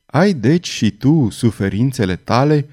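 A man voicing a gentle woman lost in madness, speaking softly with pity and tenderness. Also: medium pitch, expressive, natural voice. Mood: tender. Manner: soft, tender, pitying.

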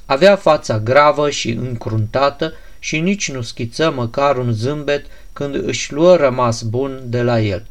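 A man narrating an audiobook in a measured, even storytelling voice. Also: medium pitch.

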